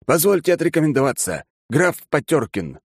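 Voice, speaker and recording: A man's voice: fairly high pitch, big pitch swings, moderate pace, husky, dry recording, clean studio sound, pitched above the performer's own voice, heavily acted. Brief: a man playing a pompous young nobleman, raised stiff voice, offended and formal. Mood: indignant. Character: haughty young male aristocrat count, touchy.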